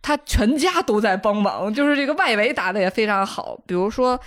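A woman hosting a podcast, retelling a TV drama's plot in a casual, lively way and acting out the characters' lines with a northern style lilt. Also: a little high, fairly quick, no room sound, clean studio sound. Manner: animated storyteller, acting out dialogue lines. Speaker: podcast host.

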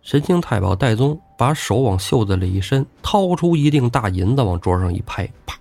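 A man's voice: medium pitch, animated, moderate pace, vocal fry, darkish tone, no echo. A man telling a classic tale comically, with playful, chatty asides. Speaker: storyteller host. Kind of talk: comic oral storytelling.

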